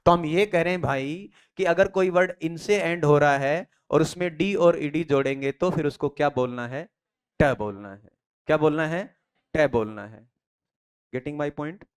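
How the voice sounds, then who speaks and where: A man's voice: a little high, unhurried, clean tone. A man from India teaching pronunciation in a classroom lecture. He asks his students questions, answers them himself and drills the key phrases again and again. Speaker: English teacher.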